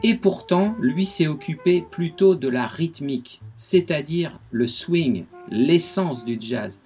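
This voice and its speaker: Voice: mid-range voice, lively intonation, takes it slowly, darkish tone, soft background music. A radio guest explaining jazz rhythms, speaking patiently with many hesitations and counting beats aloud.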